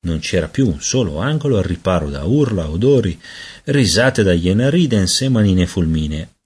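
Husky, low-voiced male storyteller. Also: normal speed. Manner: expressive storytelling. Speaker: narrator. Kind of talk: audiobook narration.

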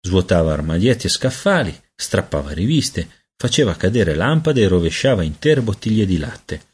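Husky, low-voiced male storyteller. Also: normal speed. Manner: expressive storytelling. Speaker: narrator. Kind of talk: audiobook narration.

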